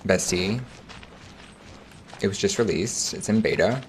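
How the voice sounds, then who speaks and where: A young man streaming a game, chatting casually with viewers in an animated, slangy way. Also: on the low side, measured pace, slight background noise. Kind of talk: casual livestream chat.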